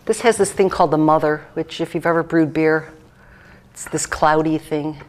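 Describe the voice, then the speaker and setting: A woman's voice: low voice, fairly even intonation, normal speed. A woman cookbook author chatting casually through a cooking demonstration, rambling with jokes and fillers.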